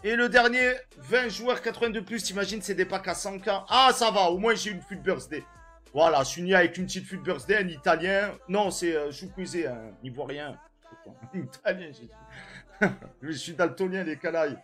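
A young man with a French accent, a gaming streamer giving slangy pack opening commentary and shouting when a good card comes up. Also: sits high, moderate pace, soft background music.

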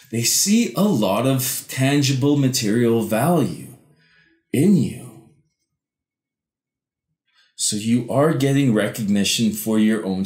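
Slow-paced man giving a mystical tarot reading. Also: medium pitch. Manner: halting, repeats words and pauses while interpreting cards. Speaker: tarot card reader. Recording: roomy echo.

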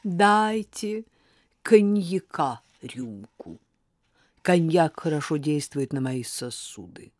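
A woman voicing a theatrical elderly woman who fakes a collapse, speaking in gasping, breathy, melodramatic whispers. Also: low-pitched, animated, slow, a little mellow, no room sound, studio quality, full character voice. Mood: languid, commanding. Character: theatrical old woman faking a heart attack.

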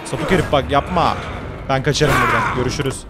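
A man giving excited gameplay commentary, loud and joking, swearing and talking back at the screen. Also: medium pitch, brisk, over music. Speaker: gamer.

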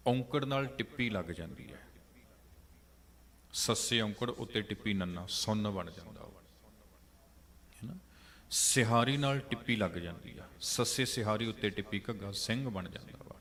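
A low-pitched man preaches in a large prayer hall, his voice carrying with a long reverb. He explains scripture word by word and slows into chanted lines of verse. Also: a bit bright. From Punjab. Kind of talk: sermon with scripture exposition.

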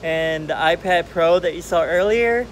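A man with a high voice chats casually to camera while speaking with brand-new dentures. He rambles in an upbeat way, leaning on ums and uhs. A faint hiss of background noise sits under the voice. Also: normal speed, poor audio. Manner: rambling, filler-heavy, upbeat. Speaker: vlogger. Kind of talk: casual vlog chat.

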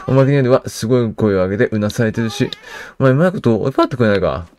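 A man's voice: medium pitch, fast talker, a little mellow, slight background noise, lightly acted. A man reading aloud a grumpy, money-minded innkeeper in a video game, complaining about a lazy guest. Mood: grumbling. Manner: complaining, gruff. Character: grumpy stingy male innkeeper.

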